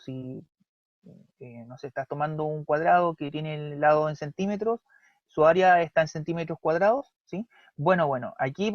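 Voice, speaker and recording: A man's voice: a little high, no room sound. A man with a Chilean accent who teaches an online class, explaining step by step and often checking in with the students. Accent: Chilean Spanish. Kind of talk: recorded online class lecture. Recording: dry, dull lo-fi mic.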